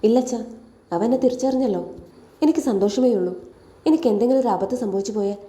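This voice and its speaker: A woman voicing a gentle, caring young woman who comforts her younger brother, in a soft, reassuring way in an echoey room. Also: on the high side, quick pace, natural voice. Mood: tender.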